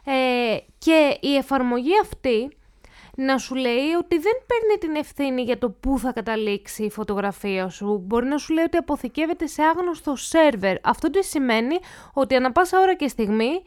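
A woman's voice: high-pitched, expressive, a little mellow, clean tone. A woman speaking as a cybersecurity expert guest in an interview, explaining risks through everyday examples.

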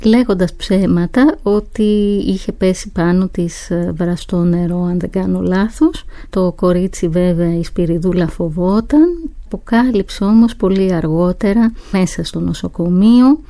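A woman explaining historical events in a measured way, with occasional hesitant fillers. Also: lowish voice, warm tone, dry recording. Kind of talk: explanatory talk.

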